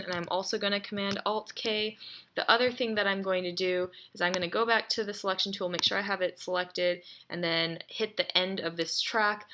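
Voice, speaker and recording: A woman's voice: medium pitch, bright, forceful tone, slight background noise. A woman walks through editing her voice recordings step by step, explaining each click and rereading sentences she wants to fix. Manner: explains each step aloud, then reads test takes. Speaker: audio editing tutor. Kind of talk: screen-recorded software tutorial. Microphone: desk mic, then a quieter built-in mic.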